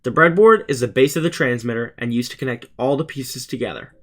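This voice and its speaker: A teenage male student narrates a scripted explainer for his video channel, presenting a school project as a YouTuber in an earnest, plain way. His voice is mid-range and quick.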